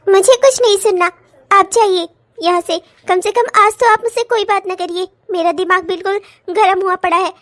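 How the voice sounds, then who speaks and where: A woman's voice: very high-pitched, steady tone, moderate pace, a bit bright, no room sound. A woman voicing a fed-up young working wife who scolds sharply in a cartoon comedy. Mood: upset. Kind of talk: cartoon voice acting.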